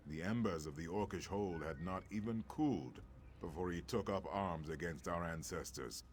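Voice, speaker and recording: An actor playing a solemn, embittered warrior who gives quests in a fantasy video game, speaking gravely and formally. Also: male voice, deep voice, normal speed, slight background noise, close to an everyday voice. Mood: grave, bitter.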